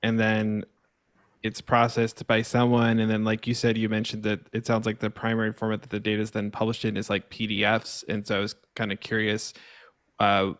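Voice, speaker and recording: A man in the audience puts a long question to the speaker. He hesitates often and leans on fillers. His voice is low and flat in pitch, and the sound is dry, with no room echo. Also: brisk. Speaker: audience member asking a question.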